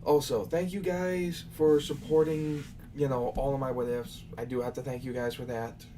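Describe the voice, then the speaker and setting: Speaking at a normal speed in a warm, level, mid-range voice, this young male channel host fields viewer questions during a casual live session. His talk is loose, and he lectures viewers with a hint of exasperation. The mic is distant and picks up faint background noise.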